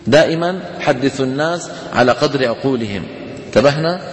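A man with a Levantine Arabic accent teaching a tajweed lesson, talking casually to students, checking they follow and chanting examples slowly. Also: mid-range voice. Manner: conversational, asks students rhetorical questions. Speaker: Quran recitation teacher. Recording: echoey hall reverb.

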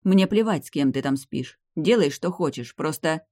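A man's voice: a little high, lively intonation, normal speed, a little mellow, no room sound, close to an everyday voice. A man voicing a proud, hot-tempered female vampire noblewoman who hisses her words, in an audiobook read on a dry recording. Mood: cold. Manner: hissing, cold then furious.

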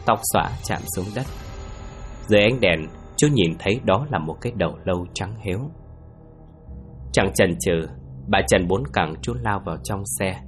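A man narrating a ghost story in a slow, hushed, suspenseful manner. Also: low-pitched, faint music behind.

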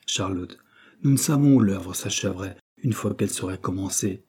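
A man voicing a kind, even-tempered gentleman who speaks softly and gravely. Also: medium pitch, fairly quick.

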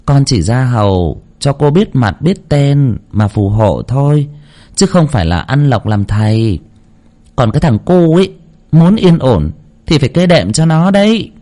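A man's voice: medium pitch, very animated, unhurried, dark tone, pitched above the performer's own voice. A man voicing a shrewd middle-aged female spirit medium who speaks in a knowing, insistent way, in a storytelling narration.

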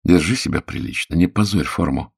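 Man voicing a quiet, suave secret police officer. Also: sits low, fairly quick, full character voice. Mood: cool. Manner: smooth and quiet.

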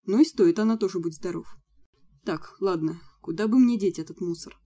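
A woman's voice: medium pitch, normal speed, warm tone, husky. Woman reading as a cocky young agency leader. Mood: explaining.

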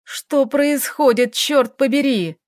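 A woman's voice: fairly high pitch, measured pace, no echo, studio quality, lightly acted. A woman voicing a frightened young man who pleads anxiously. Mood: anxious desperate.

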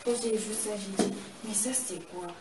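A woman recounts a personal experience in an animated, conversational way, often restarting her phrases and acting out how she reacted. Her voice sits at an ordinary middle pitch. She was recorded from some distance in a roomy space, with steady noise behind her. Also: moderate pace. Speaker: guest sharing a testimony. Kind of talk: conversational storytelling.

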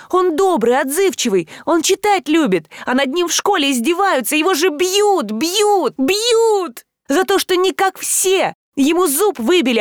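A woman voicing an enraged teenage girl who shouts accusations in a shrill, straining voice. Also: dry recording, clean studio sound.

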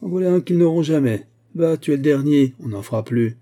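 A man reading the lines of a gruff old shopkeeper who speaks loud, bitter and triumphant, with a husky voice. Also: medium pitch, fairly quick, lightly acted. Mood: gloating.

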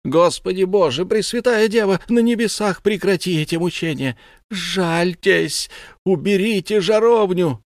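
A man's voice: sits high, a little slow, dry recording, clean studio sound, pitched above the performer's own voice. A man reading an audiobook voices a widowed peasant mother who wails and pleads desperately with the judges. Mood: frantic wailing. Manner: wailing, sobbing cries and desperate pleas.

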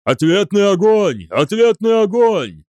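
A man's voice: sits high, very animated, measured pace, mellow, dry recording, pitched above the performer's own voice. A man voicing a desperate male general who bellows commands at his soldiers. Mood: bellowing.

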